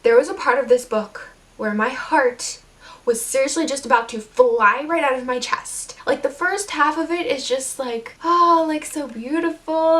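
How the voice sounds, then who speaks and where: A young woman vlogging casually about books, chatty and excitable, rambling from one thought to the next. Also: high voice, far from the mic. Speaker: book vlogger. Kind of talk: casual vlog chat.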